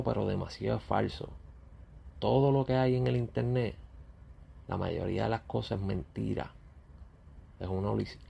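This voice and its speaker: In a ranting monologue, a man on YouTube confronts his critics directly and bluntly. He speaks in a gravelly, husky voice, on the low side with a dark tone.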